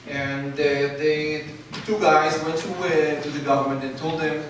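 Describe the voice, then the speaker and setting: A man from Ethiopia, probably in his forties, telling his life story as a guest speaker. He talks haltingly and pauses for fillers often. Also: a little high, flat delivery, fairly bright tone, a little hiss or hum. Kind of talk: personal story speech. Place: large hall. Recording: very echoey hall from far off.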